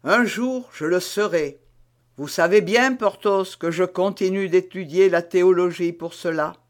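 Sly witty young musketeer guy, man reading him, smooth teasing tone, slowish. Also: high-pitched. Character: witty, sly young male musketeer who longs for the priesthood. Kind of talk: audiobook character reading.

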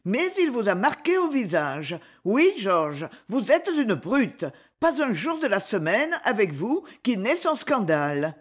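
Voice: mid-range voice, big pitch swings, a little slow, few pauses. An audiobook reader voicing a small, fiery wife who scolds her husband in a raised, indignant voice. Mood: scolding. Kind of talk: audiobook character reading.

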